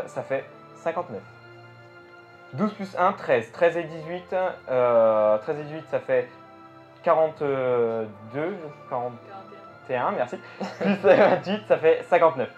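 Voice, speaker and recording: A man performing live magic show patter, thinking aloud and addressing the audience. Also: a little high. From France. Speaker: stage magician. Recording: dull lo-fi show recording with music. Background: music.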